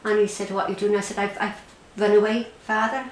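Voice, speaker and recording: A woman's voice: mid-range voice, level tone, fast. Irish woman talking through what happened to her, stops and repeats words, echoey room, faint hiss behind. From Ireland. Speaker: interviewee recounting her experience. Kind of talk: personal testimony in an interview. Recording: roomy echo, faint background noise.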